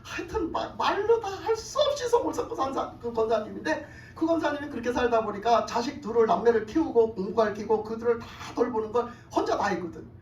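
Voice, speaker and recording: Brief: woman pastor, animated story-sermon, mid pitch; roomy hall, far mic. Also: a little fast, few pauses, slight background noise. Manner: colloquial, animated storytelling with laughs and acted quotes. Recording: roomy church hall, distant mic, faint ambience.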